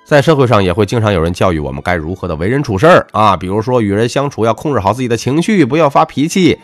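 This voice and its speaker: A man giving a motivational monologue with a personal story, talking emphatically in a lecturing way and letting his phrases drop low at the end. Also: lively intonation, quick pace, no room sound, soft background music. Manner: emphatic, lecturing, swings between punchy highs and dropped low endings. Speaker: self-help speaker.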